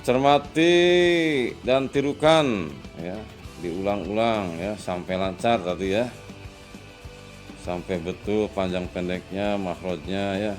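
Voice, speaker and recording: A man teaching a children's lesson in a patient, slow manner, often adding "ya" as he explains. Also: deep voice, steady tone, faint music behind. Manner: slow and patient, with frequent "ya" tags and louder drawn-out recitation. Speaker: religious studies teacher.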